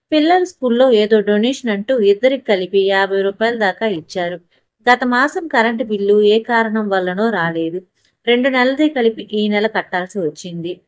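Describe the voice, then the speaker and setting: A woman reading a first-person story aloud in a steady, even narrating voice. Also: medium pitch, dry recording. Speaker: audiobook narrator.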